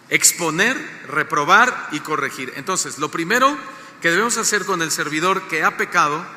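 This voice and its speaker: A male pastor with a Mexican accent preaches a sermon, stressing his words slowly and quizzing the congregation. His voice sits high and rings very bright. The recording carries the long echo of a church hall with faint background noise. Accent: Mexican Spanish. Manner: slow deliberate emphasis, questions to the congregation.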